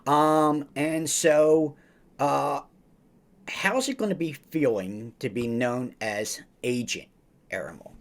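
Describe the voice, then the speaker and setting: Upbeat, emphatic podcast host man. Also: mid-range voice. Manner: slow, emphatic, upbeat delivery with drawn-out phrases; repeats praise like a mentor. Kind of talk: podcast interview on a video call.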